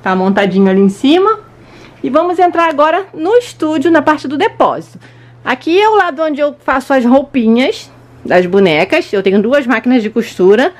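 High-voiced Brazilian woman, chatty tour vlogger. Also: sing-song, normal speed. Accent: Brazilian Portuguese. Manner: chatty, informal, pointing things out as she goes. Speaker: children's toy channel vlogger. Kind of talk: casual handheld tour narration for children. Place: small indoor home studio room. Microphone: handheld camera at arm's length.

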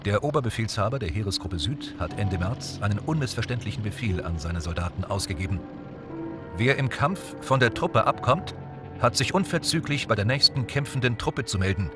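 A man reading scripted documentary narration in a measured, even way. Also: fairly low pitch, over music. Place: voice-over booth. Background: documentary score.

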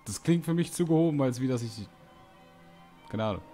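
A man's voice: mid-range voice, expressive, fairly quick, warm tone, faint music behind. A man giving casual gameplay commentary, chatty and joking as he reacts aloud. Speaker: let's play streamer.

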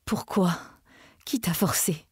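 A woman's voice: on the low side, takes it slowly, husky, dry recording, clean studio sound, heavily acted. A woman reading aloud voices a frantic, grieving husband who pleads and cries out in panic. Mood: pleading.

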